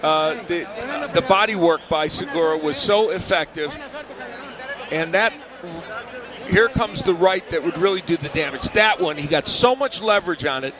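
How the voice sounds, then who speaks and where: A man's voice: fairly high pitch, moderate pace, a crowd in the background. A man giving live boxing analysis, explaining the action in a raised voice over the arena. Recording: clear arena noise behind the voice.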